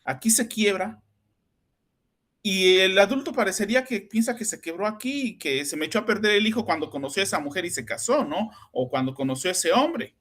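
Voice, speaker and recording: A man's voice: high voice, lively intonation, fairly quick, fairly bright tone. A middle-aged Mexican man, a psychoanalyst hosting a podcast, telling anecdotes in a chatty way and often ending with tag questions. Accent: Mexican Spanish. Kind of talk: conversational storytelling.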